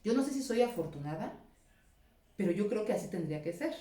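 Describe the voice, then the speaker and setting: A woman school principal, telling a personal story in a lively way and voicing the people she quotes. Her voice is mellow and warm. It is recorded with a roomy echo, a little away from the mic. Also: medium pitch, fairly quick, distant mic. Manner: animated storytelling, acting out quoted exchanges. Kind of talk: recounting a personal anecdote.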